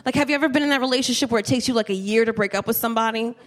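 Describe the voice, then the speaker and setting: A woman in her thirties doing stand-up on a club stage into a handheld mic, telling a story, profane and animated, talking to the crowd. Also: a little high, rapid-fire. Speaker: stand-up comedian. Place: comedy club stage with live audience. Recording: live show with faint room noise.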